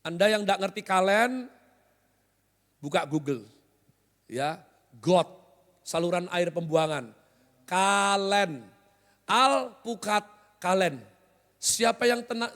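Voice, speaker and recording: Male pastor, high voice, joking conversational sermon with questions to the room, long hall echo. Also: lively intonation, takes it slowly, pauses often, fairly bright tone. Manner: joking, conversational, often quizzes the congregation. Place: large hotel hall used as church.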